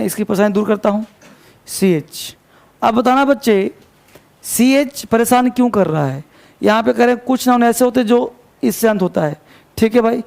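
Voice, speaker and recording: North indian guy teaching english grammar, high gravelly voice, spells stuff out and quizzes the class. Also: a little mellow. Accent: Hindi-speaking North Indian. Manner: questions students and answers himself, spells words letter by letter. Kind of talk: classroom grammar lesson in Hindi.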